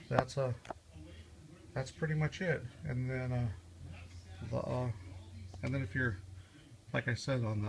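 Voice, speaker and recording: Gravelly and fairly low-pitched, a male vlogger rambles and halts through an unscripted, casual car how-to, reasoning aloud. The background is noisy.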